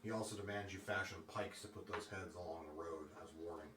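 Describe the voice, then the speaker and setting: A man narrating a tabletop game as game master in a casual, halting, sometimes profane way. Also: low-pitched, fairly even intonation, a bit bright. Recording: roomy echo, faint background noise.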